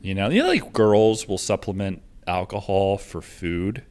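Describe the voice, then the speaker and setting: Rambling, profane man with a low voice. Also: very animated, a little slow, a little mellow. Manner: rambling and profane, with frequent fillers. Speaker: livestreamer. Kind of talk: casual livestream rant.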